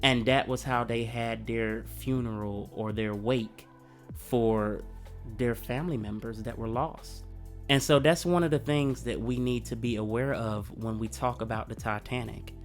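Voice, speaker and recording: This man's medium-pitched voice keeps fairly even intonation and moves a little slowly as he hosts a history channel. He's coming down with a cold, speaking earnestly and conversationally in reflective commentary over faint music.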